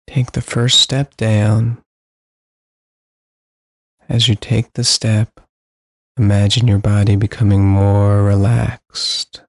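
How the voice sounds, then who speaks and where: A man leads a guided sleep meditation in a low, gravelly voice. He speaks slowly, evenly and soothingly, with long pauses between phrases. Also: flat delivery, no room sound, clean studio sound.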